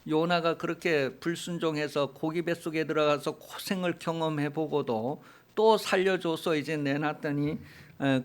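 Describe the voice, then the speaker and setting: Lively, higher-voiced male preacher. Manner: colloquial, animated storytelling. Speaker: pastor. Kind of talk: sermon.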